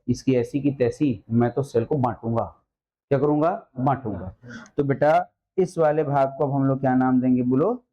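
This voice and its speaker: A man's voice: on the high side, dull audio, slight background noise. A male biology teacher giving a classroom lecture, coaxing and constantly quizzing his students with questions. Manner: calls students "beta" and "mere lal".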